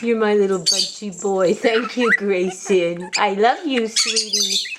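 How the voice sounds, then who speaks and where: A woman's voice: mid-range voice, slow. A woman who owns pet birds, talking to them in affectionate, sing-song baby talk with short repeated phrases. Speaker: pet bird owner. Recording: very noisy home recording with bird chirps.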